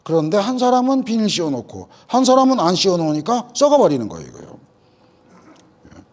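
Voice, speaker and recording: Lively high-voiced man giving a farm lecture. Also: fairly quick. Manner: folksy, tells anecdotes, acts out farmers' lines. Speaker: agricultural lecturer. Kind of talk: farmer training lecture. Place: lecture hall.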